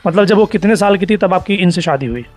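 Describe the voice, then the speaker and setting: A woman's voice: on the low side, fast, a little mellow, no room sound. A woman interviewer who asks short, probing questions.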